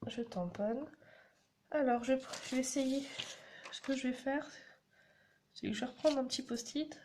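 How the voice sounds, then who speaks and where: A woman's voice: high voice, moderate pace, darkish tone. Chatty woman demonstrating crafts. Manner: chatty, explains each step as she works. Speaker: card-making demonstrator. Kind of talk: casual crafting tutorial. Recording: audible background noise.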